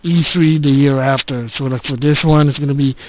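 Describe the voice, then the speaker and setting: A man giving a casual gaming channel update, recorded on a handheld game console's voice recorder like a dictaphone, halting and restarting often. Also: medium pitch, steady tone, no echo, low-quality recording. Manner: halting, with frequent restarts and filler words. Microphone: handheld game console's built-in recorder.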